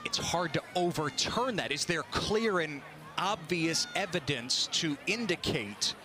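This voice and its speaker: A man calls live football play-by-play in a conversational, explanatory style, his voice a little high and a little slow, with lively intonation. Clear stadium noise and outdoor stadium ambience sit behind him.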